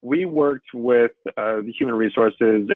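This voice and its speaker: A man's voice: mid-range voice, a little slow, dry recording. Man on a glitching, cutting-out call. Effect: audio glitching and cutting in and out. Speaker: panelist. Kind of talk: casual webinar discussion. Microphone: computer headset over a video call. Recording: tinny, dry call line that keeps dropping out.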